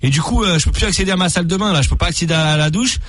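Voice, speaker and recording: A husky-voiced man in casual live banter as a contestant and prank caller on a radio show. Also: high-pitched, racing, fairly bright tone, no echo. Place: radio studio. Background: music bed.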